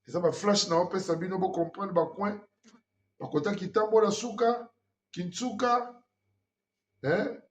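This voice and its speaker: A man's voice: sits high, unhurried, pauses often. A man, hosting an earnest spiritual warning talk and mixing in French phrases. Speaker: host. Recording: dull lo-fi sound.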